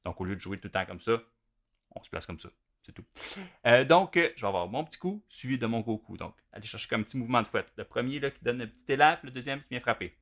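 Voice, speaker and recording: Bright-voiced man teaching drums. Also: medium pitch, animated, quick pace. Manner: patient, step-by-step explaining. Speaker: drum teacher. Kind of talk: instructional video explanation.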